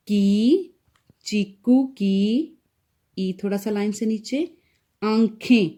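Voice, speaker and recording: A woman's voice: medium pitch, warm tone. A woman from Pakistan with a Pakistani Urdu accent teaching young children to write, spelling out letters one by one. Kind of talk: recorded Urdu writing lesson for young children.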